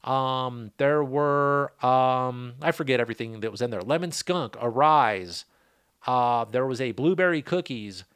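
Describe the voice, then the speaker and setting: A man's voice: medium pitch, unhurried, fairly bright tone, clean tone, no room sound. Rambling, easygoing male podcast host. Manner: rambling, loose, joking asides. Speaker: podcast host, cannabis grower. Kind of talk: casual rambling chat.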